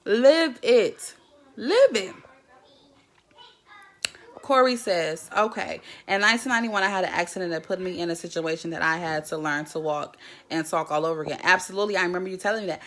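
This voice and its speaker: A woman's voice: fairly low pitch, fast, a bit bright. A woman from Jackson, Mississippi, chatting casually on a livestream and greeting viewers by name. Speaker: livestream host.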